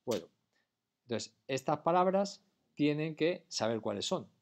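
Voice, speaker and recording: A man's voice: a little high, animated, unhurried, a little hiss or hum. A man teaching a class, explaining patiently and often checking whether students follow. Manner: patient, keeps checking understanding with questions. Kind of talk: classroom lecture.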